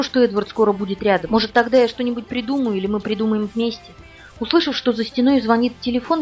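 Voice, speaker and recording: A woman narrating an audiobook in the first person, tense and quick storytelling. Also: fairly high pitch, darkish tone. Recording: dull, distant recording with faint music.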